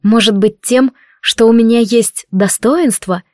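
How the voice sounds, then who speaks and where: A woman voicing a calm, dignified young maid who speaks quietly and with restraint. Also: fairly high pitch, a little slow, no echo, clean studio sound, pitched above the performer's own voice, lightly acted. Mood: restrained. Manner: quiet, restrained, soft-spoken.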